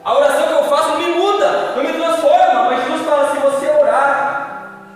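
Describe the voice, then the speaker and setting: A man with a Brazilian Portuguese accent preaches a church sermon to a congregation in a fervent, sing-song cadence. His very high voice holds a steady tone at normal speed. The recording is echoey and distant in a large church hall, with soft background music.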